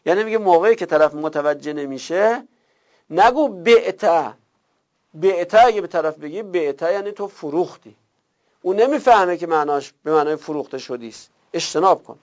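A man with a slightly high voice teaches a grammar lesson. He reads a text slowly, then explains it in quicker speech and recites word forms in long drills. The recording sounds dull and lo-fi. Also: lively intonation, darkish tone. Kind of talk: classroom lecture, reading and explaining a text.

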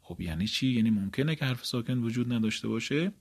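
A man's voice: medium pitch, expressive, darkish tone, husky. A man teaching an Arabic grammar lesson. He reads from a textbook and explains each step, often asking a question and then answering it himself. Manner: step-by-step, asks and answers his own questions; reads textbook lines, then explains them in his own words.

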